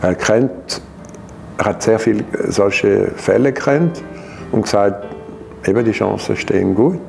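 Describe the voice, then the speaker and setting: In a bright indoor studio, a patient in his sixties from Geneva, Switzerland, shares his experience to camera, stumbling through frequent pauses and restarts in French-accented Swiss speech; French is his native language. His voice is on the low side, gravelly and darkish, with faint music behind it.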